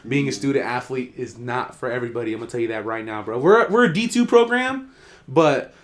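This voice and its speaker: A young man, a college football player, co-hosting a casual podcast and telling stories in slangy talk, acting out quotes with big jumps in pitch and loudness. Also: expressive, brisk. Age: young adult. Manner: slangy, swears freely.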